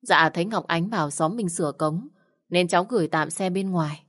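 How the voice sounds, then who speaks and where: The performer is a woman with a lowish, brisk voice close to her everyday speech. She's playing a timid, easily scared man in his 20s who whines, complains, and exclaims often.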